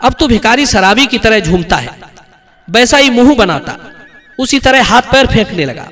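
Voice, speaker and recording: Lively high-voiced male storyteller. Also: normal speed. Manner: addresses listeners as friends. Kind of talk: moral story narration.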